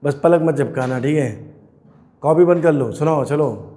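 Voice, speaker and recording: A male coaching teacher lectures a physics class while fighting a sore throat. His voice sits a little high yet sounds mellow and soft-edged. He teases, scolds and drills his students as he talks. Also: unhurried.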